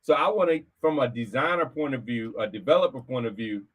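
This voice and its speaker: A man co-hosting a business talk show, chatting casually and teasing his guest with quick questions. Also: mid-range voice, lively intonation.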